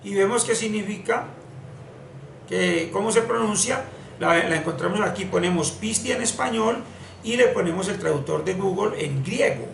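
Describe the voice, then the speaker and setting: Gravelly man explaining slowly in an echoey room. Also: high-pitched. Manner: slow, deliberate, repeats words for emphasis. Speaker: spiritual teacher. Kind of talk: explanatory screen-share lesson. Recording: echoey room, distant mic, faint hiss.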